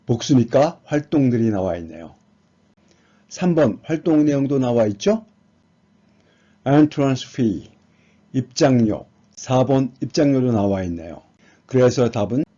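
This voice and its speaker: A man gives an exam prep lesson, reading words aloud and patiently explaining each one. He speaks very slowly in a husky, mellow voice. The recording sounds dull and lo-fi. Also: medium pitch. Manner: slow, patient explaining, reading English words then glossing them. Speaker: English teacher.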